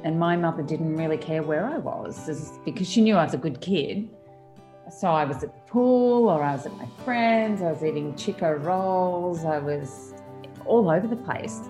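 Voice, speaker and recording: A middle-aged Australian woman chatting as a podcast guest, animated and stumbling over restarts. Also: deep voice, moderate pace, over music. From Australia (Victoria). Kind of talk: casual podcast interview.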